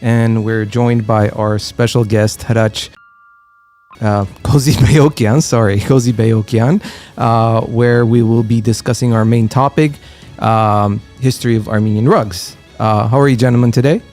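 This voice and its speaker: A man's voice: medium pitch, steady tone, unhurried, a little mellow, soft background music. A man hosting a podcast, introducing his guest in a friendly, casual way with frequent fillers. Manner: friendly, filler-heavy interviewing. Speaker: podcast host.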